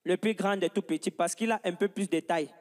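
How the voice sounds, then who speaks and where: A man doing stand-up and introducing acts on a comedy stage, animated and hyping up the crowd. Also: sits high, brisk. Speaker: comedy show host. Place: large stage with live audience. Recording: live stage sound with long reverb.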